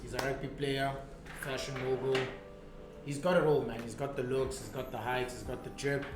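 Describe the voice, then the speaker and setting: A man's voice: medium pitch, steady tone, normal speed. A young man hosting a podcast in a playful, hyped, teasing manner. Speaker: podcast host. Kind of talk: casual chat. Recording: echoey room with background noise.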